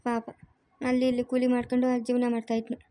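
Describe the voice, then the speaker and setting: A woman's voice: on the high side, monotone, quick pace, dark tone, close to an everyday voice. A woman voicing a talkative, pitying old village grandmother who chats and sighs.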